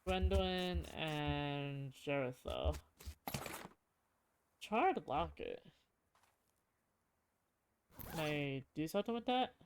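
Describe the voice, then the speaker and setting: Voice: mid-range voice, sing-song, very slow, long pauses, slight background noise. Hesitant game streamer thinking aloud. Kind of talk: casual playthrough commentary, reading game text aloud.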